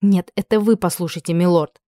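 Brief: anxious, stubborn young duchess, breathless and emotional, warm mellow tone, read by a woman narrator. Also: lowish voice, fairly even intonation, brisk, no room sound, clean studio sound, natural voice.

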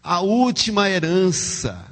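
A man preaching a sermon, animated, calling the congregation to repeat words after him. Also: high-pitched, slow pace. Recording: long hall reverb.

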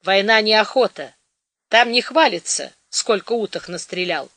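A woman's voice: lowish voice, very animated, unhurried, pushed and bright, no room sound, full character voice. A woman voicing a weathered peasant veteran who speaks drily and curtly. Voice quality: dry and curt. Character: stern weathered peasant war veteran man.

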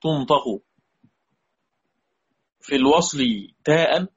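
A man with an Egyptian Arabic accent speaks slowly in a slightly high, husky voice, and the audio sounds dull. He is giving an explanatory Quran recitation lesson, patiently repeating key points and asking his students questions.

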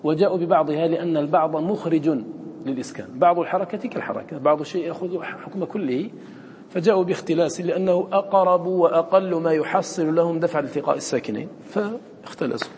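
A man teaches Quran recitation in a mellow, mid-pitched voice. He explains quickly, then slows to chant the example words, and checks on his students with short questions. The recording has long reverb and a faint hum behind it.

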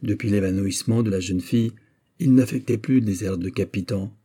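A man narrating a classic maritime story in a measured, expressive reading. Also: lowish voice, breathy edge. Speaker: audiobook reader. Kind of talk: literary narration.

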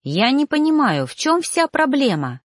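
A woman voicing a calm, unhurried older father who is a high official. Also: dry recording, studio quality.

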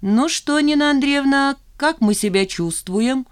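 A woman reader voicing a brisk middle-aged female doctor with a cool, patronizing manner. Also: high-pitched, lively intonation, voice pushed up. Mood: friendly. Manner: smiling then cold, patronizing.

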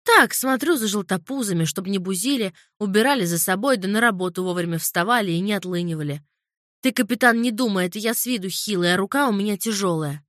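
A woman's voice: fast, no echo, clean studio sound, natural voice. Woman putting on a whiny scruffy little man. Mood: boastful. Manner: whiny, defensive, cracks high when shouting. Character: scruffy nervous small man in his forties.

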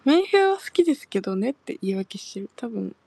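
A woman's voice: a little high, sing-song, fast talker, creaky, dark tone, no echo. A woman with a Kansai accent, teasing and coaxing in a casual group chat.

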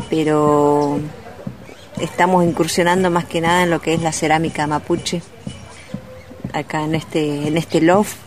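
A woman from Neuquén, a ceramist guest on a radio interview, speaking gently and hesitantly with many pauses. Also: sits low. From Neuquén, Argentina.

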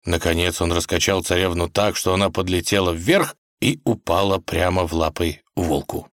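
A man narrating a fairy tale in an expressive, dramatic storytelling manner. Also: deep voice, moderate pace, no echo, studio quality.

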